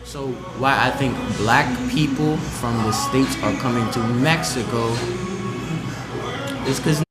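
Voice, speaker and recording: A man's voice: medium pitch, slow pace. A man from Sudan, interviewed at a restaurant table, speaking bluntly and with strong opinions. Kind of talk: casual group conversation. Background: music.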